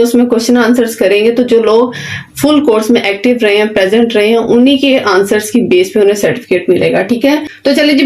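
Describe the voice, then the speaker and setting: A beautician course is being taught online by a woman whose voice is on the high side with a darkish tone. Her lecture features straightforward instructions, simple explanations, and frequent check-ins of "ठीक है," or okay.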